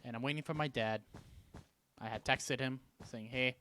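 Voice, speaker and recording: A man from Canada telling a story in a casual vlog, animated, jumping between loud bursts and hushed asides. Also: mid-range voice, normal speed, a little hiss or hum. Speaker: vlogger.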